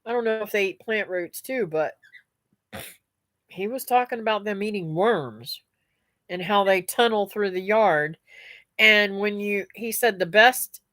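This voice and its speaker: A middle-aged woman who runs a homestead vlog reads live comments and chats with her stream viewers, rambling casually and calling them "guys" and "y'all." Her voice is medium in pitch, a bit bright, and a little stuffy and nasal, with a measured pace. There's no room sound.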